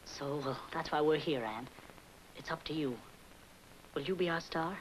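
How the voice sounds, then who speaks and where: A woman's voice: deep voice, normal speed, lightly acted, poor audio. A young woman playing an earnest pleading niece. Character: earnest young woman asking her aunt for help. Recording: old film soundtrack with hiss.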